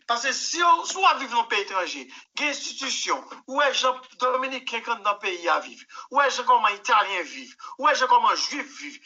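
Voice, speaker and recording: A man with a Haitian accent, speaking in a high, very bright and piercing voice. He answers interview questions emphatically, doubling words and acting out what others said. The broadcast audio sounds somewhat dull and lo-fi. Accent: Haitian Creole. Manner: emphatic, repeats words, tells anecdotes with quoted dialogue. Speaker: musician guest.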